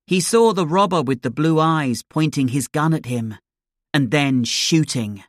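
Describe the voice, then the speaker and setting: A narrator reading a graded storybook slowly and clearly, each sentence placed with care. The voice sits at a middle pitch and is recorded close and dry, with no room sound. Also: animated, no echo. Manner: slow, clear, deliberate reading.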